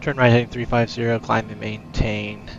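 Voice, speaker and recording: A man's voice: on the low side, level tone, moderate pace, vocal fry, lo-fi sound, over music. A man making clipped, by-the-book pilot radio calls into a cockpit headset mic. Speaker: flight simulator player acting as pilot.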